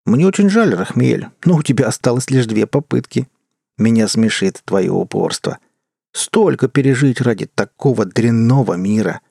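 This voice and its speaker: A man's voice: mid-range voice, expressive, normal speed, gravelly, warm tone, slightly rough, dry recording, studio quality. A man voicing a scornful otherworldly male tempter who taunts and warns, in an audiobook. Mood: taunting. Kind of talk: audiobook character voice.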